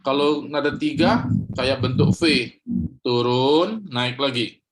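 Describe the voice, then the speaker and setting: Guy teaching online, patient, acts out the tones for people, mid pitch voice. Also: slow pace, slight background noise. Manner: patient, demonstrates tones aloud. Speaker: Chinese reading teacher. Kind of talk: online class feedback. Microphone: video call.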